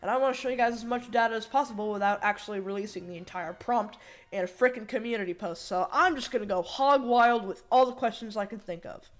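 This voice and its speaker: A woman's voice: fairly high pitch, fast. A woman giving a casual, rambling tech demo, with slightly slurred S sounds from braces and a bite plate. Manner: informal, rambling, thinking aloud. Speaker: hobbyist programmer demonstrating a project.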